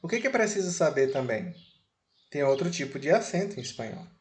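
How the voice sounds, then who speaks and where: A Brazilian man teaching a slide lesson in a Brazilian Portuguese accent, speaking deliberately and repeating key words. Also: on the high side, sing-song. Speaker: Spanish teacher.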